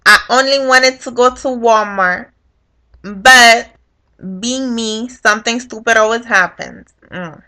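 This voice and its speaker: A woman's voice: on the high side, slow pace, sharp tone. A young woman telling a story on her vlog in a casual, profane way, acting out what people said. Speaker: vlogger.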